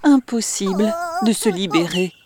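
A woman narrating a fable in an expressive, measured storytelling voice. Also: medium pitch, very noisy. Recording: music bed under the voice.

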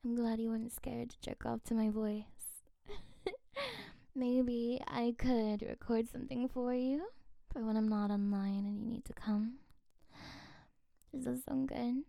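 A woman plays a flirtatious, coaxing friend in an intimate ASMR role-play, right in your ear. Her voice is mellow and fairly high, slipping between soft breathy speech and soft voice. She takes her time, with a creaky edge to her words. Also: fairly even intonation, measured pace, dry recording, studio quality. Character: flirtatious, coaxing female friend on a late call.

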